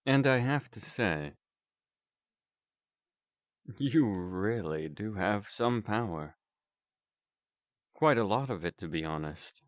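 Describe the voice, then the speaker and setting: A man speaking through a morphing voice changer that pushes his voice lower, talking in a courtly, formal way as he reads a character. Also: lively intonation, slow pace, long pauses, no room sound, clean studio sound. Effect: morphing voice changer, pitch shifted lower.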